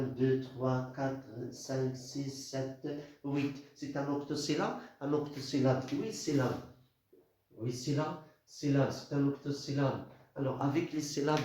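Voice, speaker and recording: A man teaching a poem to a class in a halting way, often repeating words and stressing key phrases. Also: medium pitch, a little mellow. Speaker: literature teacher. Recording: very echoey room.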